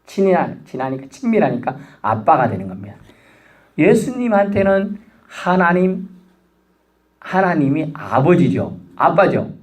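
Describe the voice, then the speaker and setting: A middle-aged man preaching to his church with a lively, swooping voice. He sits a little higher than most men and jumps up into a childlike pleading tone when he acts out a kid calling for his dad. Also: a little slow. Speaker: pastor. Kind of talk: sermon.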